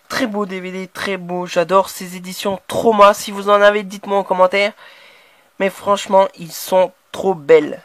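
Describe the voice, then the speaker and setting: High-voiced French guy showing off DVDs. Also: a bit bright, no room sound. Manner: hesitant, many restarts and fillers, enthusiastic. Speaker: horror DVD collector showing his purchases. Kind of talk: casual unboxing chat.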